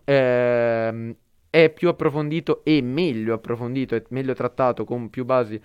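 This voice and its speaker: Animated Italian-speaking podcast man. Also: mid-range voice, normal speed, clean tone, no echo, dull audio. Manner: animated, joking asides to listeners. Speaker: podcast co-host. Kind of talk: casual film chat.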